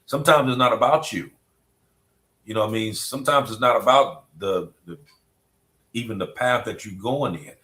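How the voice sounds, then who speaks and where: A man's voice: lowish voice, moderate pace, pauses often, bright, forceful tone. A middle-aged man hosting a podcast conversation, reflective and repetitive, often asking "you know what I mean". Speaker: podcast host.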